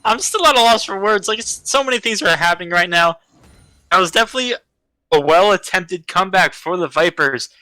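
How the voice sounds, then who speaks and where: Sharp, dry-sounding male esports analyst. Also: high-pitched, fairly quick, no echo, low-quality recording. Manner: relaxed analytical color commentary with casual slang. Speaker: esports color caster. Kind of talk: live esports commentary.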